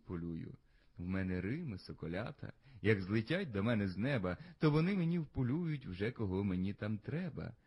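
A poor poet from a storybook poem replies in a low, quiet voice with dry wit, as a male reader puts him on. The tone is husky and unhurried. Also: dull audio, heavily acted. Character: poor, calm, witty man, a poet.

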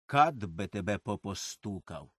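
A worn-out peasant mother speaks low and faint, her words bitter and tired, as a man puts her on. The voice drops under the narrator's own and sits in a dry, close recording. It is a storybook reading of an old village tale. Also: animated, a little slow, a bit bright, no echo. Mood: weak, bitter. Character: weak suffering peasant mother in childbirth.

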